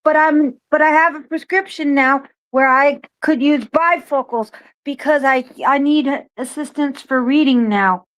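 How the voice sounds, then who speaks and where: A woman's voice: sits high, poor audio. A woman in her forties chatting casually, earnest and insistent, repeating short phrases to make her point. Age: 40s. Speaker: library worker. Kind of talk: casual chat.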